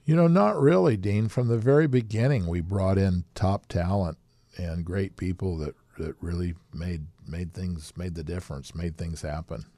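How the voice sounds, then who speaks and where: A man with a very deep, mellow voice answers interview questions in a plain, unhurried way. He often repeats a word while he looks for the next one. The sound is dry and close, with no room around it. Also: no room sound. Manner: plainspoken, relaxed, repeats words while searching. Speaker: radio station founder, guest.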